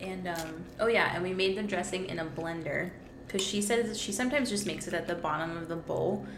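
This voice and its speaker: A woman's voice: on the low side, brisk, background noise. Chatty woman dietitian, echoey room. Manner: loose and chatty, many "like" fillers. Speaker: podcast co-host, dietitian. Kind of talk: casual chat while tasting food.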